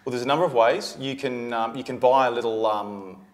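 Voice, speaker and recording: A man's voice: mid-range voice, a little fast. An Australian man talking like a practical tradie, casually explaining how things are done. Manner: plain-spoken tradie talk, explaining practically. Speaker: tradesman guest explaining fixings. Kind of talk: casual instructional chat.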